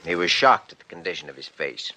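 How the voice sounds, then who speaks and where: A man's voice: low voice, animated, fast, bright, forceful tone, heavily acted. An actor playing an earnest, persuasive young male doctor in a 1950s radio drama, recorded on an old broadcast with faint hiss. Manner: earnest, pleading.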